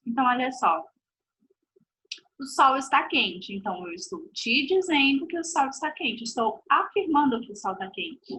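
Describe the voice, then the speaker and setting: Bright-voiced woman teaching kids. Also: high-pitched, big pitch swings, fairly quick, few pauses, a little hiss or hum, poor audio. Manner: patient, repeats points, checks with "tá bom?". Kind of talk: recorded video lesson for pupils.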